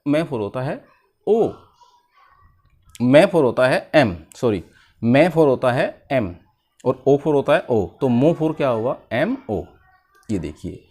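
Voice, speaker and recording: A man's voice: on the high side, darkish tone. A man teaching children to spell, asking a question and then answering it himself.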